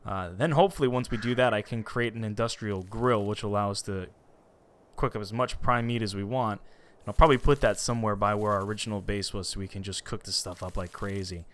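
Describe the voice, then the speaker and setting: Low-voiced chatty gamer man. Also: fairly quick. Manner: chatty, excitable, self-talking while playing. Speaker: gaming channel host. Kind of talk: casual let's play commentary.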